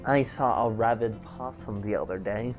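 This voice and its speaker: A man voicing a nerdy, awkward young male townsperson in a slow, halting nerdy voice for a game playthrough. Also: on the low side, faint music behind, natural voice. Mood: deadpan.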